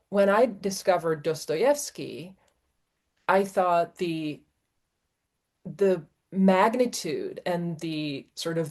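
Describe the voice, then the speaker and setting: A woman from Czechoslovakia, a guest on an interview podcast, talking in a thoughtful, measured way. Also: on the low side, a little mellow. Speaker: guest, executive coach and professor. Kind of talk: reflective interview talk.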